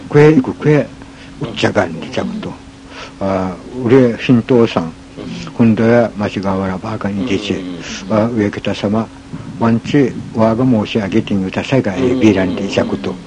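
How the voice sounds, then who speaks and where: A man with an Okinawan accent telling a folk tale in a halting way, pausing often with fillers. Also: lowish voice, a crowd in the background. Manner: halting, with many pauses and fillers. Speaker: folk storyteller. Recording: noisy recording with ambient hiss.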